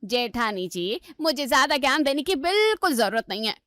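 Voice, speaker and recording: Woman doing a bossy mother-in-law in a cartoon story, scolds a lot, kinda high voice, dry close sound. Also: sing-song, moderate pace, fairly bright tone, no echo. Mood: harsh. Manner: scolding, domineering. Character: proud harsh middle-aged mother-in-law.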